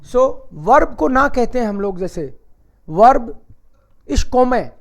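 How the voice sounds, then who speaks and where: A man with a fairly high voice teaches a German grammar lesson. He talks in a loose, conversational way, teasing the learners and peppering them with rhetorical questions. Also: animated, slow pace, gravelly. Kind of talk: casual classroom-style lesson.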